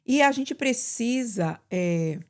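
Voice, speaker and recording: Animated woman pastor, Brazilian Portuguese. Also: a little high, slow. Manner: animated, bursts into emphatic quoted prayers. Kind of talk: conversational preaching.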